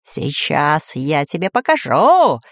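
A woman's voice: sits low, very animated, moderate pace, dry recording, clean studio sound, pitched below the performer's own voice, exaggerated voice. A woman voicing an angry male pirate in a storybook reading, blustering and cursing.

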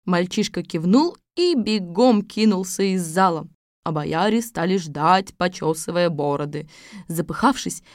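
A woman narrating a fairy tale in an even storytelling manner. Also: on the low side, a little slow, dry recording, studio quality.

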